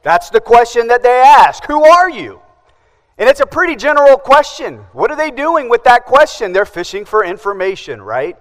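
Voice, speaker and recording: A man's voice: very high voice, very animated, normal speed, hardly any pauses, fairly bright tone, big-room sound. A man preaching a sermon as pastor, asking the congregation questions and answering them himself.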